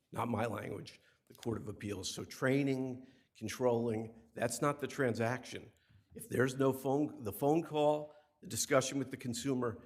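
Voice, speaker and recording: Standing at a podium mic in court, a man argues an appeal to a panel of judges, emphatic in delivery and repeating words as he cites case law. He has a husky, medium-pitched voice.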